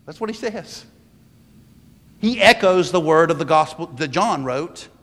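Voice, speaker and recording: A man preaching a sermon with an emphatic delivery, often pausing and restarting phrases. His voice sits a little high for a man. A long reverb trails each phrase, as in a large church hall. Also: animated, fairly bright tone. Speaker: pastor.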